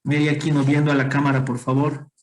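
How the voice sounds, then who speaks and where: Guy giving a med class online, kinda high voice, keeps asking the students stuff. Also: completely flat delivery, fast talker, poor audio. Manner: explanatory, quizzes students, frequent tag questions. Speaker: medical lecturer.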